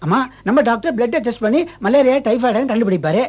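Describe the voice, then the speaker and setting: A husky, fast-talking father-in-law. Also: extremely high pitch, lively intonation, a little mellow. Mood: teasing. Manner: fast, teasing and scolding. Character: scheming father-in-law dragging him to a healer.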